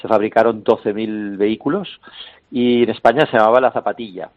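A man calls in to a radio show, his fairly low voice squeezed through a narrow, dry phone line. He explains in long, meandering turns full of fillers and self-corrections. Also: steady tone, fairly quick, dry recording. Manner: explanatory, many fillers and restarts, chuckles now and then. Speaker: interview guest explaining a vehicle.

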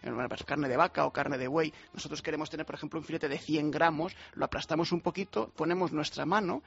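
A man on a radio chat, explaining practical food tricks in a relaxed, hesitant way. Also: fairly high pitch, fast, creaky, husky, muffled recording. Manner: explanatory, gives practical kitchen tips with hesitations. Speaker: food science guest.

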